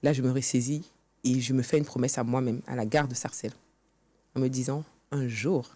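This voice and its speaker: With an extremely low pitch and fairly even intonation, a woman speaks fairly quickly over slight background noise. She is a guest author on a podcast studio set, earnestly recounting her own story and acting out past dialogue in the interview.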